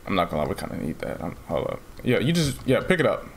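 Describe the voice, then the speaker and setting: A young man playing a horror game as a streamer, excitable, repeating his lines and jumping into high yelps. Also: fast talker, creaky. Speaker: gaming streamer. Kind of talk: casual gaming commentary.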